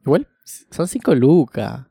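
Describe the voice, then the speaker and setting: Animated young Chilean man telling a story. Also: fairly high pitch, unhurried, gravelly, slightly rough, no echo. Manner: animated, acts out the voices of people in his stories. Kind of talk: casual storytelling chat.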